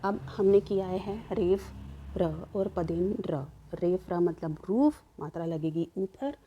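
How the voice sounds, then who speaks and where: A woman's voice: fairly low pitch, warm tone, husky, highs cut off. A woman teacher giving a grammar lesson, explaining step by step and asking and answering her own questions. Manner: repeats "ठीक है" to check understanding.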